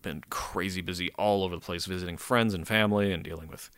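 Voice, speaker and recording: This is a man with a deep, gravelly voice who sounds very tired and sleepy. He chats solo as a podcast host in a rambling, self-deprecating way, swearing casually. The sound is dry, with no room echo. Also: steady tone, quick pace, a bit bright.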